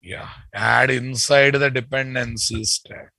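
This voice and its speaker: A male coding instructor with a Telugu Indian accent speaks to his students at a measured, slow pace. His voice is sharp and forward with a creaky edge. He restates instructions and keeps tagging questions onto the ends of his sentences. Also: medium pitch, steady tone, no room sound. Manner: repeats phrases, ends with checking tag questions. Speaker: programming instructor. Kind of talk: live coding lesson, addressing students.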